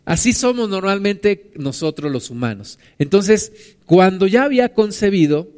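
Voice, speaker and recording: A man's voice: high voice, big pitch swings, a little slow, darkish tone. A man preaching a sermon, reading Bible verses and explaining them in a conversational way, often asking his listeners "right?".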